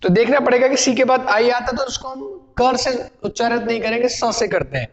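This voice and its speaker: High-voiced man teaching in a reverberant room. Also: fairly quick, lo-fi sound. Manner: explains patiently, asks and answers his own questions. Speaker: spoken English teacher. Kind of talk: classroom lesson.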